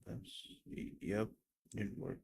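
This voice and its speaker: A man's voice: slow pace, a little mellow, poor audio. A young man mumbling to himself as he talks through building a 3D model on a stream. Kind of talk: casual thinking aloud while modeling.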